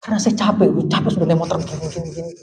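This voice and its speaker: A man pastor telling a story in a sermon, acting out the dialogue with sudden loud outbursts. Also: fairly high pitch, very fast. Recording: preacher heard from a distance.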